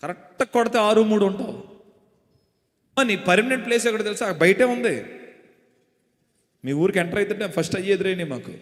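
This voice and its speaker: A man preaching a sermon as pastor with a Telugu accent, leading the congregation in call-and-response and shouting refrains. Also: sits high, brisk, pauses often. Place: church hall or meeting. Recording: echoey hall reverb.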